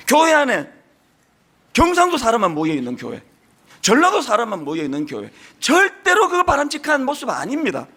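A man's voice: very high voice, bright, forceful tone. A middle-aged male pastor with a strong Gyeongsang Korean accent, preaching a sermon in an earnest, emphatic way. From Gyeongsang region, South Korea.

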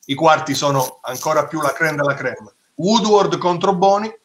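Male host, a bit high-pitched, easygoing, leads the conversation and sets up each topic. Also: expressive, normal speed, a bit bright. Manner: conversational, guides the talk, describes photos. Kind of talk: casual chat.

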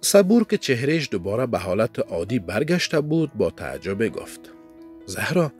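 A man with an Afghan Dari accent narrating a first-person story in a calm, measured reading. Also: mid-range voice, husky, soft background music.

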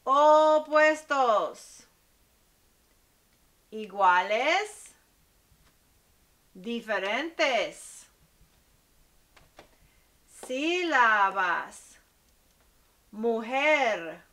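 Slow, bright-voiced woman teacher. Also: a little high, animated. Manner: slow, clear enunciation for young learners. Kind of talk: children's lesson.

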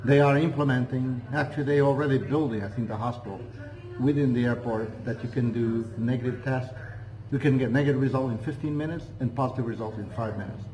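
A man's voice: mid-range voice, fast talker, a little mellow, rough recording. A man in his sixties, from Portugal and with a Portuguese accent, chatting as an interview guest in a hotel cafe, rambling with frequent hesitations and restarts. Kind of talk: casual interview chat. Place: hotel cafe with large windows, indoors. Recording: music playing under the speech. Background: music in the background.

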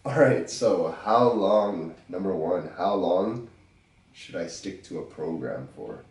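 A man's voice: sits low, reverberant, distant mic, rough recording. A man hosting his own podcast while stuffed up from a cold, talking casually and joking as he answers listener questions. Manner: relaxed, joking, thinking aloud with pauses. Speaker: podcast host. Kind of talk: casual solo podcast talk.

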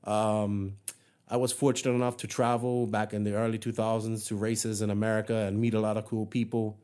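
A man's voice: lowish voice, little pitch movement, brisk, warm tone, smooth. A man from Bermuda hosting a hobby podcast, talking in a rambling, friendly way with many fillers and restarts. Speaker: podcast host. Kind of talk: casual solo podcast monologue.

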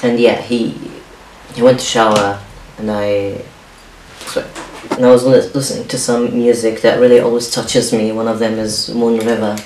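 His fairly low voice holds a level tone as the young vlogger, a native Arabic speaker, stumbles softly through his confessional talk with frequent restarts. The setting is a small indoor home kitchen, recorded by a stand-mounted camera a few feet away that adds room echo and faint hiss.

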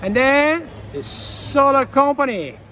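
A man in his thirties, hosting his channel in an indoor expo hall, talking excitedly in loose, rapid phrases. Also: very high voice. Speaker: channel host. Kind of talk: casual expo walkthrough. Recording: crowd noise behind.

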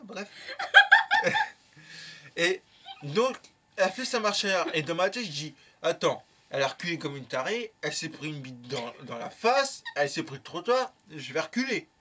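Young male vlogger, bright and a bit high, tells a rambling anecdote full of slang and curses. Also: normal speed, slightly rough. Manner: lively, slangy, swears freely. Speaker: YouTuber. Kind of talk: casual storytelling.

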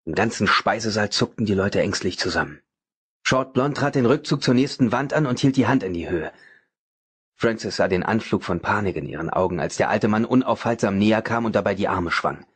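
A man reading a novel aloud as audiobook narrator, in a dramatic, even manner. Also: lowish voice, fairly quick, slightly rough. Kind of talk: scripted narration.

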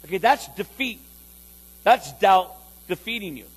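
A man's voice: high voice, lively intonation, a little slow, husky, rough recording. A man preaching a sermon as pastor, emphatic, repeating key lines and calling for responses from the congregation.

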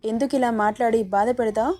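A woman voicing a calm young man who gently coaxes and teases the heroine. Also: a little high, fairly quick, faint music behind, natural voice. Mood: coaxing. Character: young man, calm, teasing, protective hero.

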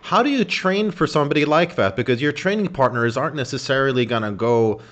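A man's voice: medium pitch, expressive, fast. A young man interviewing a fighter over a video call from a room at home, asking long, wordy questions. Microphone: video call webcam with earphones. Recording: dull lo-fi video call audio.

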